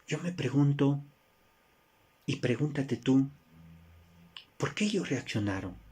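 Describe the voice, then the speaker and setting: A man from Peru with a Peruvian Spanish accent preaching a sermon, asking rhetorical questions and moving between emphatic rises and soft drops. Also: mid-range voice, animated, slow, breathy edge.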